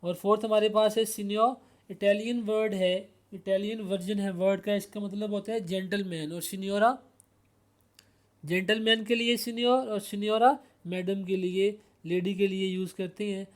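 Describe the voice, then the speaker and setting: A man's voice: high voice, fairly even intonation, moderate pace. A man with a Pakistani accent teaching English grammar, explaining word pairs and asking himself rhetorical questions. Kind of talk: explanatory lesson.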